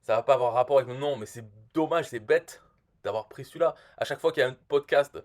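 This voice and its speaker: A man's voice: mid-range voice, fast. A man delivers a rambling comic rant as a self-appointed marketing expert. He is blunt and crude, and he keeps restarting his sentences as he circles back to the same complaint.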